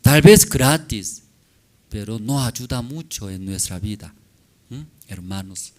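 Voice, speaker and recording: A man with a Korean accent preaching a sermon in a church. He speaks as a non-native, in halting, simple phrasing. He keeps checking in with his congregation, asking whether they follow him. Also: on the low side, animated, darkish tone. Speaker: pastor.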